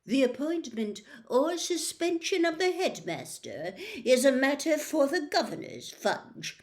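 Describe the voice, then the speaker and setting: A woman reads as a haughty aristocratic man, a storybook villain who sneers in a silky, lazy drawl. The voice often lifts in pitch, mock-polite and full of smooth menace. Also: big pitch swings, a little slow, darkish tone. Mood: smug. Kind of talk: storybook character reading.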